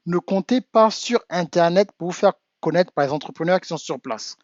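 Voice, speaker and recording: A man's voice: high voice, expressive, moderate pace, a little mellow, no echo, highs cut off. A man from Africa, a business coach giving an insistent talk to his audience that builds to emphatic urging. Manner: insistent, rising to emphatic exhortation. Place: home in the United States.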